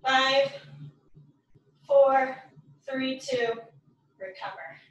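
A woman's voice: sits high, drawn-out words, muffled recording. A woman fitness instructor leading a live home workout, counting down reps and cueing moves while out of breath. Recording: roomy echo from far off the mic.

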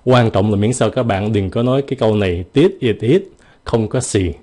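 A man giving a casual, joking pronunciation lesson, slowing down to stretch out the example words. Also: fairly low pitch, a little mellow. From United States. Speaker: English pronunciation teacher.

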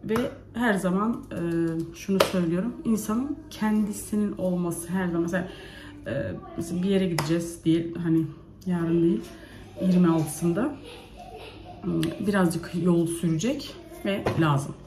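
A woman's voice: on the low side, fairly even intonation, moderate pace. A woman chatting in a home vlog, often calling out to her children as she does chores. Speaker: vlogger and mother. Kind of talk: casual home vlog chat. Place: home, kitchen and yard. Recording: echoey room with background noise.

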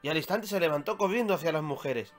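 A man from Spain reading aloud his own children's story, with measured, expressive storytelling. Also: a little high, soft background music.

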